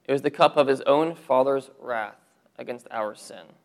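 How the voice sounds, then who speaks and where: A man preaching a sermon to his church, earnest, with rhetorical questions and drops to a low voice for emphasis. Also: normal speed. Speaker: pastor.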